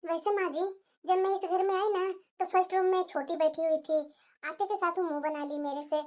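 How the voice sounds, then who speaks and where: A woman's voice: very high-pitched, steady tone, normal speed, darkish tone, voice pushed down. Woman voicing a caring elder daughter-in-law. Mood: concerned. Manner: earnest, scolding, soothing. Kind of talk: animated story voice acting.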